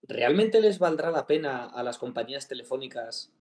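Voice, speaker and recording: A man's voice: medium pitch, normal speed. A man chatting casually as a podcast co-host, retelling a story with jokes. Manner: storytelling, jokey, animated retelling of a phone call. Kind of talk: casual chat.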